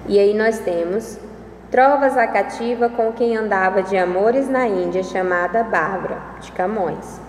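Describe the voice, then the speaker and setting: A woman teacher giving a recorded lesson, talking slowly and carefully and spelling out syllables. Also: mid-range voice, a little mellow, a little hiss or hum. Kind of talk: recorded lesson on poetic meter. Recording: echoey room with long reverb and faint ambience.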